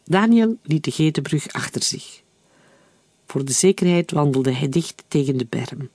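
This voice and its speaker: A man reading a novel aloud in steady, even-paced audiobook narration. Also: on the high side, unhurried, slightly rough, dry recording. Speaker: reader.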